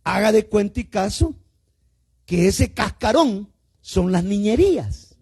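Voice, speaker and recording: Gravelly Salvadoran pastor preaching slowly. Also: male voice, high-pitched, lively intonation. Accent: Salvadoran Spanish. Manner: questions the congregation directly, calling them "hermano"; drawn-out emphatic words, swinging between loud and quiet. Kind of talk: sermon. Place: church service.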